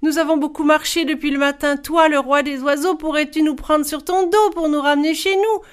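A woman voicing a young male forest spirit who calls out loudly and asks favors politely, in a storybook reading. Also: sits high, steady tone, brisk, pitched above the performer's own voice, close to an everyday voice. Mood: pleading.

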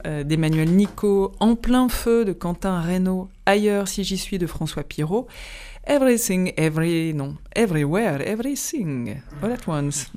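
A woman hosting a radio film magazine in a studio, relaxed, with fillers and self-corrections. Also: on the low side. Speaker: radio host.

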